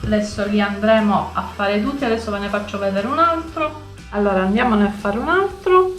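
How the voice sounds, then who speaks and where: A woman's voice: medium pitch, brisk. A woman giving a step-by-step cooking tutorial, instructional and narrating each movement as she goes. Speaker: home cooking show host. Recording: roomy echo, music underneath.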